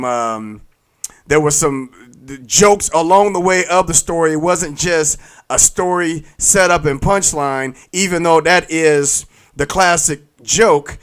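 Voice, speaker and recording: A man's voice: on the high side, fairly bright tone. A man hosting a live show as DJ, talking casually and rambling, with many fillers. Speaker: radio DJ and show host. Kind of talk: casual live broadcast chat.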